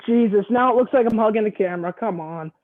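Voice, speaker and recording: A man hosting a live online chat who sounds like he's talking into a tin can through a poor earbud microphone. He talks casually and gets flustered while fumbling with his gear. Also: high voice. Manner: flustered, fumbling with gear, quick "hold on" asides. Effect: tinny tin-can sound from a poor earbud mic. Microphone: wireless earbuds. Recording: dull, tinny earbud-mic audio.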